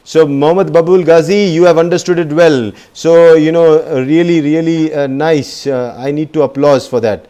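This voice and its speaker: A man's voice: a little high, steady tone, normal speed, hardly any pauses, dark tone, smooth. A man hosting a live-stream business talk, chatty and effusive, with many hesitant fillers.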